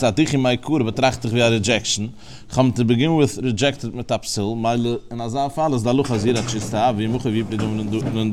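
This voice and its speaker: A man's voice: medium pitch, darkish tone, a little hiss or hum. A man teaching a Talmud lesson, reasoning aloud through the text and asking and answering his own questions.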